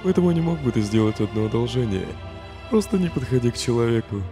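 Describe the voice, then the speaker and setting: A man with a medium-pitched, close-to-everyday voice speaks fast with lively intonation, voicing a weary, sardonic, protective skeleton in a dramatic fan comic dub. His delivery is subdued, dry and sighing, with a resigned, grim mood, over long hall reverb and faint music.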